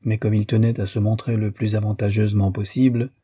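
Male audiobook narrator, measured literary reading, low husky voice. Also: level tone, warm tone, no echo, clean studio sound.

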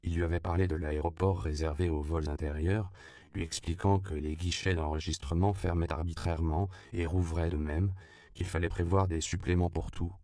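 A man reading an audiobook in even, measured scripted narration. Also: low voice, smooth, no room sound, studio quality.

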